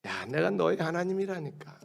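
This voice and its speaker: A man's voice: sits high, big pitch swings, moderate pace, gravelly, pitched above the performer's own voice, full character voice. A man voicing God as an insistent, pleading father figure, speaking to his people in plain casual words. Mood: pleading insistence.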